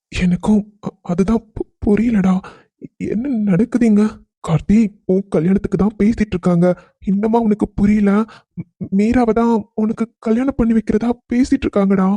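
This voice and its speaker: A puzzled young man in a cartoon, stammering as he talks. The voice is fairly high but very dark, with a dry close sound. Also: normal speed, no echo. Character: confused young man, friend of the groom. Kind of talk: cartoon voice acting.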